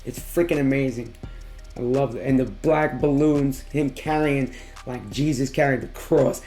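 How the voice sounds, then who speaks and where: Hoarse tired guy doing a reaction vid, slangy, super emphatic, voice kinda shot. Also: medium pitch, mellow, faint music behind. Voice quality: hoarse, worn-out voice from losing it. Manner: slangy, emphatic, drawn-out exclamations. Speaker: music reaction video host. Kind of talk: casual excited reaction commentary.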